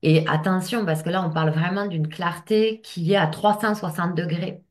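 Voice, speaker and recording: A woman's voice: fairly low pitch, steady tone, normal speed. A woman giving a casual coaching talk to camera as a business coach, speaking straight to the listener and checking in often.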